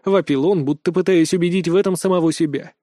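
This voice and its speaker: Mellow male audiobook narrator. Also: high voice, quick pace, no echo, studio quality. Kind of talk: scripted narration.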